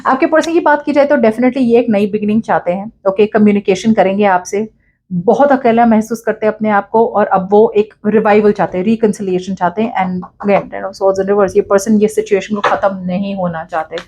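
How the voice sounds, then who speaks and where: A woman's voice: medium pitch, steady tone, normal speed, warm tone, slight background noise. A woman giving a casual tarot reading in mixed Hindi and English, talking directly and emphatically to the listener and acting out quoted lines. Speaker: tarot reader.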